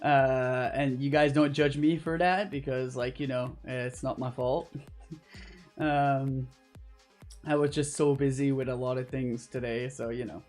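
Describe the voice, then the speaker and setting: A slightly mellow, mid-range male voice belongs to a Canadian livestream host, chatting in a rambling, jokey way during a casual gaming stream. He's at home in an apartment on live voice chat, with music playing behind him.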